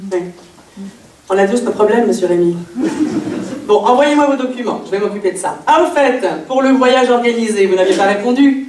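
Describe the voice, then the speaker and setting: A woman doing a one-woman comedy monologue in character as an HR employee, chatty and breezy with mock-innocent sarcasm, her voice jumping high when she addresses people. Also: distant mic. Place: theatre stage before a live audience. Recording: echoey room from afar, audience noise.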